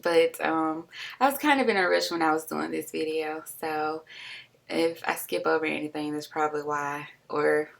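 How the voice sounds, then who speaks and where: Young woman host, low-pitched with vocal fry, casual filler-heavy tutorial voice-over. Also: moderate pace. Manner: chatty, full of "like" and "um" fillers; self-deprecating about sloppiness.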